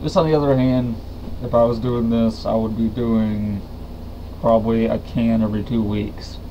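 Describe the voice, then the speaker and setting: A man's voice: medium pitch, little pitch movement, normal speed. A young man with a Southern US accent gives a casual product review, talking with a lip full of chewing tobacco. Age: young adult. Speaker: dip reviewer. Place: small room indoors. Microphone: webcam or computer mic at arm's length. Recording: dull, noisy webcam audio.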